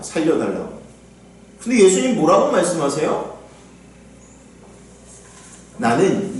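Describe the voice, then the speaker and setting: A high-voiced man preaches with lively rises and falls, acting out the voices he quotes. His voice comes from some distance in an echoing church sanctuary. It sounds like a live sermon. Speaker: pastor. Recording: echoey church hall, mic at a distance.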